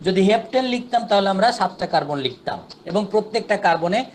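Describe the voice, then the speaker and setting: High-voiced man teaching chemistry. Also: lively intonation, fairly quick, slight background noise. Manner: patient, repetitive, counts steps aloud. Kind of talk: online class lecture.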